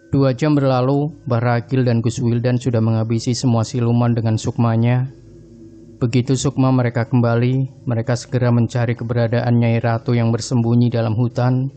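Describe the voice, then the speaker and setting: A man narrating a scripted horror story in a steady, even storytelling manner. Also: medium pitch, normal speed. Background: faint background music.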